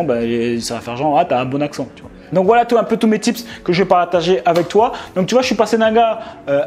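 A man's voice: fairly high pitch, a little mellow. A young man from France giving casual, slangy advice straight to the viewer, with many fillers and restarts. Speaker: online business vlogger. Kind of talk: casual advice talk to camera. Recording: faint music behind.

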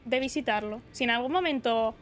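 A woman's voice: a little high, fairly quick, soft background music. A young woman streamer from the Basque Country chatting casually and rambling while gaming. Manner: chatty, reads chat aloud, rambling.

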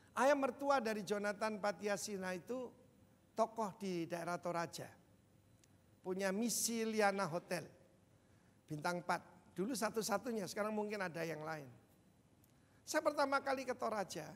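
An older man preaching a sermon as senior pastor, animated, with sudden loud bursts, and he keeps addressing the congregation directly. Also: sits high. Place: large church hall. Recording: long church-hall reverb.

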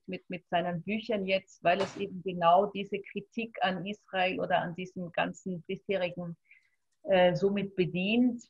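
A woman's voice: fairly low pitch, slightly rough. A middle-aged woman speaks in a sceptical, matter-of-fact way during an analytical panel conversation on a video call from a room at home, with many fillers and restarts. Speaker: panel participant. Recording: dull, muffled video-call audio.

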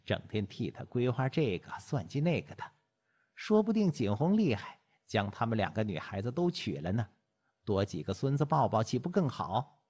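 Doting elderly grandmother in an audiobook, fussing and talkative, low and breathy; male reader. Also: a little mellow. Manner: nagging, chiding.

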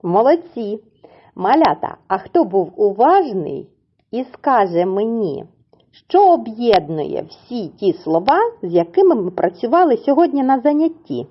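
A woman's voice: fairly high pitch, very animated, muffled recording. A woman teaching a lesson to small children in a coaxing, sing-song tone, drawing words out syllable by syllable. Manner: slow, syllable-by-syllable pronunciation. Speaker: preschool teacher.

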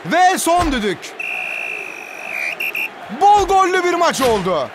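A man voicing an excitable football commentator in a video game, with screaming, exclamatory calls. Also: very high-pitched, slow pace, exaggerated voice. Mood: keyed-up. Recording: game music and crowd noise behind. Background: music and stadium crowd.

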